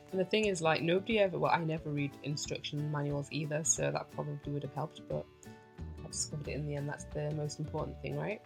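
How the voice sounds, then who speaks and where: A young British woman with a croaky morning voice, chatting in a casual, rambling voice-over from bed about her cleaning. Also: low voice. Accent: British English. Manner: chatty, rambling, says "literally" and "like" a lot. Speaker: vlogger. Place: in bed at home.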